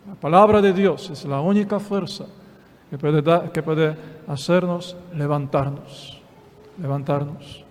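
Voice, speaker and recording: A man preaching a Sunday Mass homily as a priest, slow and repetitive, asking rhetorical questions. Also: a little high, darkish tone. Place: church. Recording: long church reverb.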